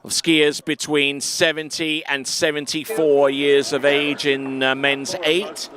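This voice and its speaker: A man giving live water ski commentary in a measured way, with frequent fillers. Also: fairly high pitch, flat delivery, a crowd in the background.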